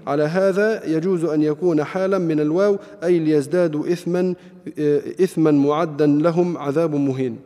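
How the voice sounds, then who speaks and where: A man, a student reading a classical commentary aloud in a rapid, even recitation. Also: a little high. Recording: long reverb of a hall.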